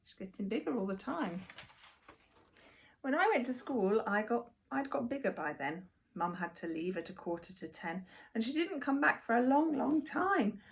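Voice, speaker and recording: Her voice runs a little high as she reads a picture book to young children at home, much like a primary teacher: deliberate, expressive, and sprinkled with chatty asides.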